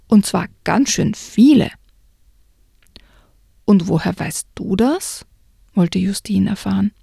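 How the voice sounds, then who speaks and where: Woman with a gravelly, husky, warm voice. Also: medium pitch, dry recording, clean studio sound. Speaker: book reviewer. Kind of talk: reading a children's book aloud and discussing it.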